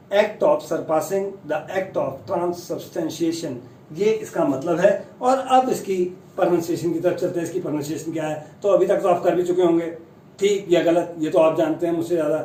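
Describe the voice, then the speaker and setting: A man teaching the pronunciation of long English words, chatty and self-deprecating, slowly sounding out each word. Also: sits high, darkish tone, echoey room, recorded from a distance, rough recording. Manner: slow, careful spelling-out of long English words. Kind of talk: Hindi-language pronunciation lesson.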